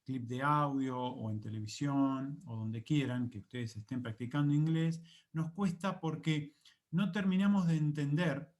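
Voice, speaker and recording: A man's voice: mid-range voice, a little slow, darkish tone. A man with an Argentine Spanish accent, an English teacher explaining a lesson to camera in a chatty, patient way. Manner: chatty and patient, with voiced examples and rising questions.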